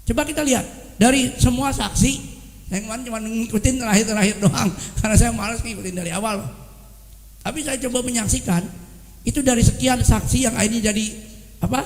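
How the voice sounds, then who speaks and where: A man preaching a sermon to his congregation, speaking to them directly and acting out gossip in quoted voices. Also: extremely high pitch. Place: worship hall. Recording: long hall reverb.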